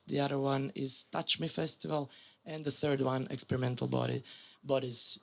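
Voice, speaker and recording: A woman in her forties with a Croatian accent gives a lecture in English, her second language. Her voice has a gravelly, creaky edge, and she pauses often with fillers and restarts as she feels her way through each point. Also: rumbling low, a bit bright. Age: 40s. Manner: halting, with many fillers and self-corrections. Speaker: music curator giving a lecture. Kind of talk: public lecture.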